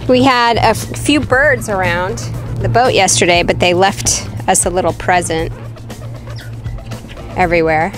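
An upbeat woman talks casually to the camera while sailing on a catamaran. Her voice sits at an ordinary middle pitch, and music plays clearly underneath her. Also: measured pace, long pauses. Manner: chatty, upbeat. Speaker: sailing vlog host. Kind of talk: casual vlog narration.

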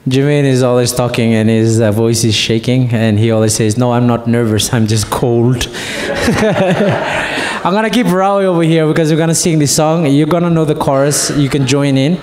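A man's voice: medium pitch, moderate pace, a little mellow. A man leading worship in a church, singing and chatting casually between songs, with a live band behind him. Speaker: worship leader. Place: church sanctuary stage. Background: live band with guitar.

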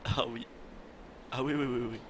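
A man's voice: mid-range voice, steady tone, normal speed, background noise. A young man casually commenting on his gameplay, joking, swearing and talking to his chat. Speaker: let's play streamer. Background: game music.

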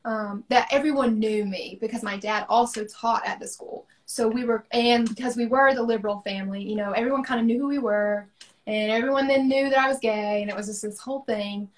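A young Southern American woman, an artist, talks thoughtfully about her work during a casual livestream video call, saying "um" frequently. Her voice is fairly high with fairly even intonation, and she speaks fairly quickly.

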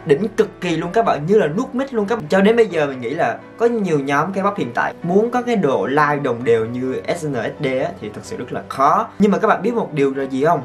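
Excitable man. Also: on the high side, a little fast, few pauses, soft background music. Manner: excitable, exclamatory, gushing. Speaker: vlogger. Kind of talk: casual storytelling to viewers.

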